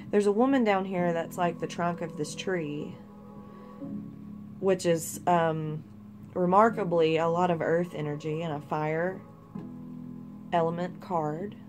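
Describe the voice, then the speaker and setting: A young woman giving a casual, rambling tarot reading with some swearing. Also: fairly low pitch. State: hiccups. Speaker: tarot reader.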